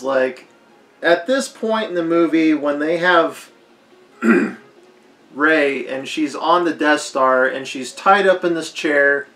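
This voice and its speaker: A man with a hoarse, fading voice giving a rambling, unscripted movie commentary, leaning hard on "like". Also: fairly high pitch, pushed and bright. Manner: rambling, heavy use of "like". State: hoarse, losing his voice. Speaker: film commentator. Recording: echoey roomy recording.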